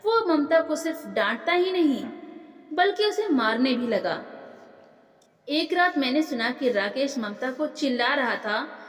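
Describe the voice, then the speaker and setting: A woman with a high voice tells a family story in the first person, earnest and steady. Her voice rings in a roomy space, with a long reverb trailing after each line. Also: a little slow.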